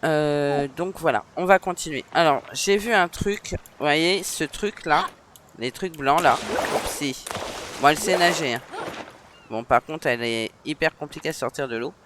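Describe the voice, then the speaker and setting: A man's voice: on the high side, a little slow, background noise. A man with a northern French accent giving casual, chatty let's-play commentary, with frequent hesitations. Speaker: gaming streamer.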